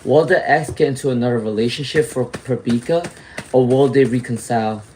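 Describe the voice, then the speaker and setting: Speaking briskly in a mellow, medium-pitched voice with slight background noise, a man runs a live tarot reading. He greets chatters, reads their comments out, and regularly asks "all right?" and "okay?"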